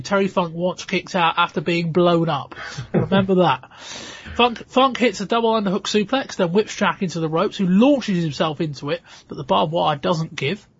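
A man with a hoarse, thick sore-throat voice, hosting a podcast and recapping events. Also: sits high, no room sound, lo-fi sound. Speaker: podcast host. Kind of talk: scripted match recap and casual hosting.

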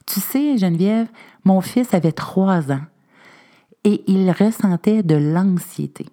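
A woman's voice: mid-range voice, slow. A woman with a Québécois French accent giving parenting advice in casual conversation, acting out short scenes of what a parent might say. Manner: animated, acts out little scenes of what parents can say. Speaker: parenting expert guest.

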